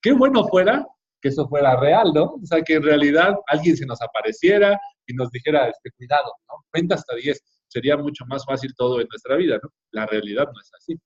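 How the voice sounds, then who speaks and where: A man with a Mexican accent teaching a church class in a relaxed, conversational way, often checking in with his listeners. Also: on the high side, fairly quick, lo-fi sound. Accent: Mexican Spanish. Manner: conversational, frequent tag questions, addresses the class directly.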